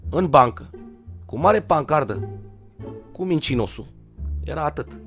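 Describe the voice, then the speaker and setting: Animated young man telling a funny story. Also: soft background music. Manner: animated, slangy, swings from loud outbursts to low mutters. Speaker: vlogger. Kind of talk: comic storytime monologue.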